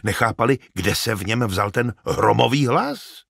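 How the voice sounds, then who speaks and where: A man narrating an audiobook in a dramatic, expressive storytelling manner. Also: fairly low pitch, creaky, no echo, clean studio sound.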